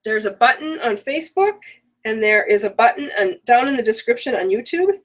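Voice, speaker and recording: On a rough recording, a middle-aged woman hosts an online craft workshop in a brisk, sing-song, slightly high voice. She rambles chattily and corrects herself through the casual live-stream, her voice worn by a coming cold.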